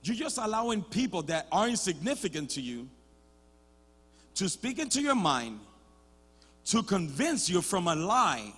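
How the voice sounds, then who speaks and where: High-voiced bilingual preacher in a reverberant hall. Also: male voice, sing-song, slow, pauses often, breathy edge, soft background music. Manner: switches between Spanish and English mid-sentence; builds to loud shouted passages, then drops to quiet. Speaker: pastor. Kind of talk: sermon. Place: church sanctuary.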